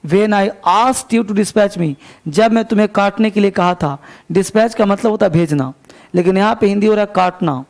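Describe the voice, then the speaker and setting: A male English teacher, reading a story aloud and explaining it line by line. He reads the English lines slowly and deliberately and speeds up in his asides. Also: high-pitched. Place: coaching class.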